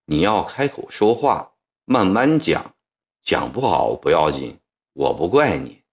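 A male storyteller voicing a stern elderly Qing viceroy who questions people in a measured, low, gentle way. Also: sing-song. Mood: grave, coaxing.

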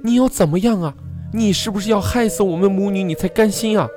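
A frightened young sister from a spoken ghost story, her voice choked with tears as she pleads and accuses, voiced by a man who raises his pitch. Her lines rise and fall sharply with fear and grief, over background music. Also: animated, brisk, a little mellow, lightly acted. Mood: tearful.

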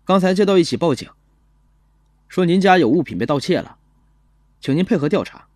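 A gentle young policeman. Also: on the high side, animated, no echo, clean studio sound. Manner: measured, gentle storytelling. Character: young male police officer, calm and gentle. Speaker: first-person narrator. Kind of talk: audio drama narration.

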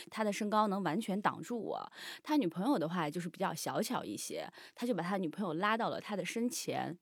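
A woman telling her own story on a radio show, lively, blunt and outspoken. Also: lowish voice, no room sound, clean studio sound.

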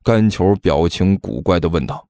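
A man narrating a serialized novel in an expressive storytelling voice. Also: sits low, moderate pace, no room sound. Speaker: audiobook narrator.

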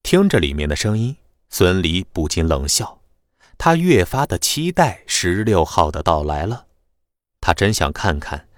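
A man narrating a web novel audiobook in a lively, dramatic storytelling manner. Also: deep voice, no echo, studio quality.

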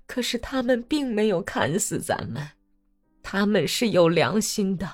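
A woman voicing a devout, indignant old peasant woman who speaks slowly and drawn-out. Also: medium pitch, big pitch swings, soft background music, pitched above the performer's own voice. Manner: slow, drawn-out, pleading.

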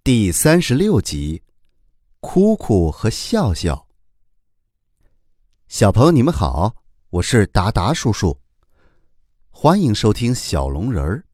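A man narrating a children's story in an animated, storytelling manner into a close studio mic. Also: on the low side, dry recording. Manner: animated, warm storytelling, many drawn-out particles.

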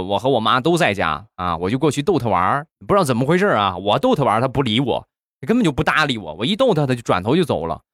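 A man's voice: mid-range voice, no echo, studio quality. A man hosting a comedy show and telling short joke stories in a conversational way. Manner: animated, conversational. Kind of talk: storytelling jokes.

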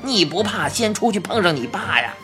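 A woman voicing a mischievous little old man turned into a mouse, who speaks in a slow, teasing drawl. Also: medium pitch, sing-song, music in the background, lightly acted. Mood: smug teasing.

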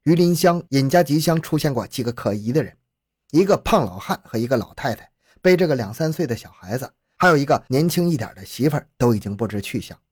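A man reading a true-crime story as narrator in a steady storytelling delivery. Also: mid-range voice, quick pace, breathy edge, dry recording, clean studio sound.

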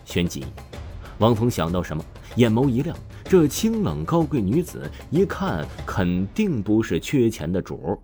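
A man's voice: on the low side, big pitch swings, normal speed. A man narrating an audiobook with dramatic storytelling. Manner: dramatic storytelling, voices all roles. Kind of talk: scripted narration. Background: soft background music.

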